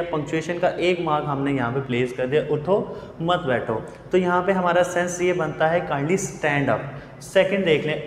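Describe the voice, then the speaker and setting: Male grammar tutor, Urdu-English mix, roomy echo and faint hiss. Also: a little high. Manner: explains in Urdu mixed with English. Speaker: English teacher. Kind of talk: online grammar lesson. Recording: echoey room with long reverb, faint hiss.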